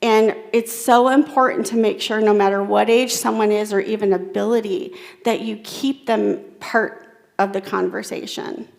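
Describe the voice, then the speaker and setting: A woman's voice: medium pitch, steady tone, normal speed, creaky. A woman giving a keynote talk, drawing in the audience and repeating their comments back to them. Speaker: keynote speaker.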